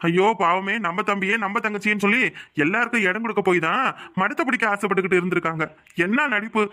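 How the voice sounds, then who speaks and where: A man's voice: very high-pitched, pushed and bright. A man voicing an angry middle-aged elder brother in a cartoon, with a Kanyakumari Tamil accent, speaking in a bitter, accusing, lecturing way. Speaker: head of the family. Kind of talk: cartoon voice acting.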